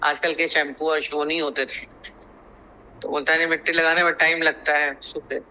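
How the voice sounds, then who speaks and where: A man's voice: fairly high pitch, flat delivery, normal speed, sharp tone, slight background noise, rough recording. A man giving a spiritual discourse as a teacher. He tells stories, acts out their dialogue, and repeats phrases to press his point. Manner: storytelling, acting out quoted dialogue.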